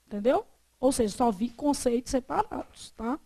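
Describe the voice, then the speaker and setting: A woman with a bright, high voice lectures a class on grammar. She speaks frankly, drops in small jokes, and turns her points into quick prompts that the students finish. She keeps checking in with them as she goes. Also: lively intonation, creaky. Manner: leaves sentences open with "o quê?" for the class to finish; frank and joking, checks in often with "beleza?". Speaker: Portuguese teacher.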